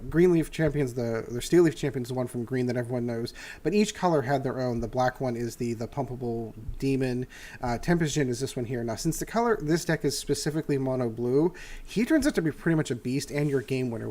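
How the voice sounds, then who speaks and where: An older man hosts a casual card game review in a mid-range, slightly mellow voice that sounds nasal and congested from a cold. He rambles through his points, restarting often and filling gaps with many "uh"s.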